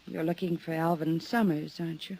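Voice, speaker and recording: An actress playing a weary, guarded woman stranded abroad in a 1950s radio drama, speaking softly and pleadingly. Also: low-pitched, steady tone, brisk, creaky. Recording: old radio broadcast recording.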